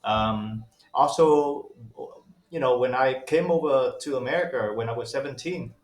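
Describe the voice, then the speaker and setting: A man's voice: mid-range voice, a little slow, echoey room. A man in his forties from Vietnam, a non-native English speaker, talking casually as an interview guest with many fillers and restarts. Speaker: guest dentist.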